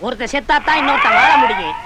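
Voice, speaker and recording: A man's voice: very high voice, wildly swooping pitch, rapid-fire, heavy background noise. A man in a film comedy scene, boastful and scheming.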